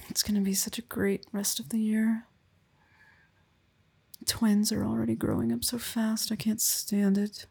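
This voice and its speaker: A woman playing an affectionate young wife and mother, speaking softly and intimately, often in a whisper, in an ASMR roleplay close to the mic. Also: mid-range voice, little pitch movement, measured pace, pauses often, exaggerated voice. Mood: tender. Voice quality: breathy. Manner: soft, intimate, often whispered, with small laughs. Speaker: roleplay performer. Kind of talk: soft-spoken ASMR roleplay.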